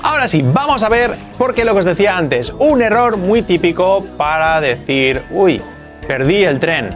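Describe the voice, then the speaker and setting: Lively Spaniard teaching English. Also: male voice, high voice, faint music behind. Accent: Spain Spanish. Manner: energetic, repeats English examples slowly and clearly. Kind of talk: Spanish-language video lesson on English.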